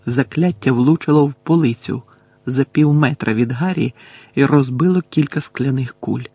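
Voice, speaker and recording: A man reading a fantasy novel aloud as an audiobook narrator, steady and measured. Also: medium pitch, breathy edge, no echo.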